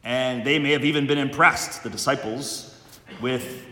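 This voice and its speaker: A man serving as priest, reading the Gospel and then preaching a homily in a measured way, repeating phrases for emphasis, with a cathedral echo around him. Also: mid-range voice, steady tone, sharp tone.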